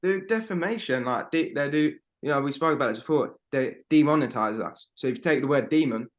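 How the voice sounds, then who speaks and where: A man in his 20s with a fairly high voice speaks fairly quickly while co-hosting a podcast over a video call from home. In casual chat he rambles emphatically, swears a lot, and leans on fillers like "bro".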